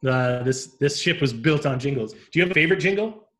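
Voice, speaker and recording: A man's voice: medium pitch, animated, fast talker, a bit bright. A man co-hosting a casual comedy podcast, easygoing and agreeable, dropping dry quips. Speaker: podcast co-host.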